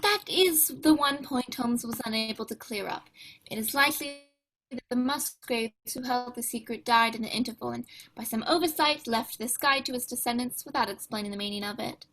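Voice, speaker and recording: A woman playing a kindly, steady male doctor who recounts a case in a gentle storytelling tone, in 1930s-style radio drama acting. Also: on the high side, normal speed, a little hiss or hum, rough recording. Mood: genial.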